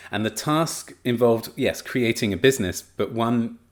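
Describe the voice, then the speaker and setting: Speaking a little slowly in a mid-range voice, a man presents a study as a teacher trainer. The lecture is casual and enthusiastic, with frequent fillers and restarts along the way.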